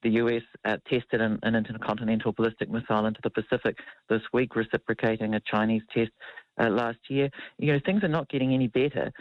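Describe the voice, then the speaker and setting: A man, a foreign policy analyst speaking in a measured, hedging way with frequent ums and uhs, heard with a tinny radio-speaker sound. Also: on the low side, steady tone, no room sound. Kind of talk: radio news interview. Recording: dull lo-fi dry radio sound.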